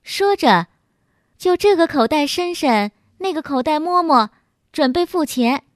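A woman telling a story in scripted narration, with lively, expressive delivery. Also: high voice, no room sound, studio quality.

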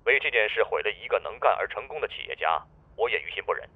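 A man's voice: on the low side, expressive, quick pace, no room sound, voice pushed down. A man voicing a jovial middle-aged male provincial official who talks over the phone in an easygoing, joking way. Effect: phone line. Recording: tinny phone-line sound.

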